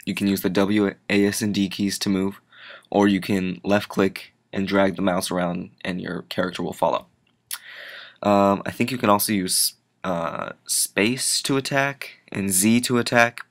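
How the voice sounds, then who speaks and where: A man's voice: low-pitched, fairly bright tone. A tired young man giving casual gameplay commentary, rambling and drifting off on tangents. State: tired, yawning. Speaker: gaming channel host.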